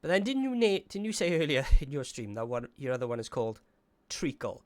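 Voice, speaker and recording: A man's voice: medium pitch, sing-song, no room sound. A man hosting a livestream, chatty and teasing with his guests, heard through his livestream headset microphone. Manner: chatty, teasing, quick to laugh. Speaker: livestream host. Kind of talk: casual chat with guests.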